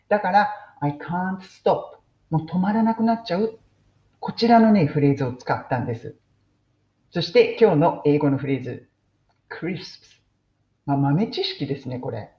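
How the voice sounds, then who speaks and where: Lively chatty woman teaching English. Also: lowish voice. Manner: chatty, explains with friendly asides. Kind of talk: casual English mini-lesson. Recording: roomy, dull lo-fi recording.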